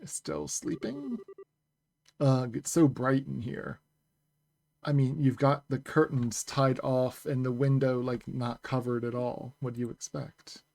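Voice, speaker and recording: A man reading aloud the lines of a lively teenage game girl just waking up, speaking into a headset. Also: mid-range voice, creaky.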